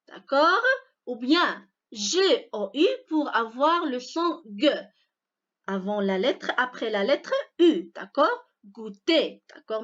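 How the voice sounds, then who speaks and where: A woman teaching a spelling lesson to young pupils, going through each rule slowly and often checking that the class follows. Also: high-pitched, fairly bright tone, highs cut off. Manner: slow, repeats each rule with frequent checks of understanding. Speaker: primary school teacher.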